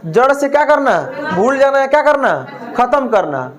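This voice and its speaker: A man's voice: extremely high pitch, very animated, normal speed. A man teaches a class for a teaching exam. He keeps asking the room questions and answering them himself. He cracks jokes along the way. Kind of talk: classroom lecture.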